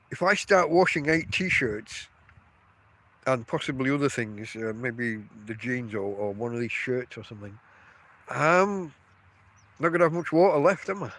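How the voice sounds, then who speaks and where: A middle-aged podcast host with a cold-stuffed nose rambles through his solo show outside his tent at a camp in a field. His voice sits on the high side with lively intonation and a fairly bright tone, and he takes his time, chatting away and cutting himself off mid-thought.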